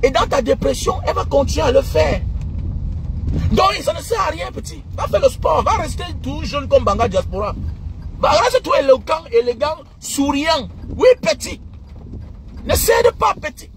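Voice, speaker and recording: Middle-aged man, vlogger lecturing listeners; very high, lively voice, pushes his points and repeats them, faint traffic behind. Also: moderate pace, creaky. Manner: emphatic, lecturing, repeats phrases, bursts of shouting. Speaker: vlogger giving life advice. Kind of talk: casual preachy monologue.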